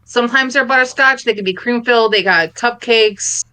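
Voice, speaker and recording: Co-host, woman, Philly/North Jersey accent, bright and high, eager rambling talker. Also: normal speed, clear, resonant tone. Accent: Philadelphia and North Jersey. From Philadelphia area. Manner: enthusiastic, laughs often, rambling food descriptions. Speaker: podcast co-host. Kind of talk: casual chat.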